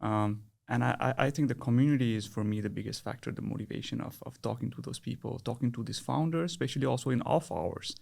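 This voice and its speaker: A young man from Nepal with a gravelly, creaky edge to his mid-pitched voice. He speaks as a podcast guest in casual, hesitant chat, often restarting his sentences and filling pauses. The pitch sits in an ordinary middle range. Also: darkish tone. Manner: hesitant, many restarts and fillers.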